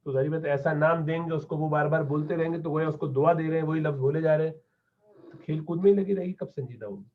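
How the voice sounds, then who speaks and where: A man gives a classroom-style Arabic lesson, a touch higher than most men. He repeats each word slowly and patiently for his learners. The sound is thin and tinny, like a phone line. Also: steady tone. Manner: patient, repeats words slowly to drill pronunciation. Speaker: Arabic teacher.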